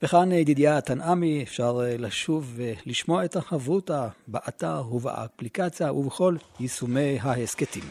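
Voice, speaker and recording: A man hosting a podcast, closing the episode in a measured, formal way. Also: mid-range voice, a little mellow. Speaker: podcast host. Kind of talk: formal show sign-off.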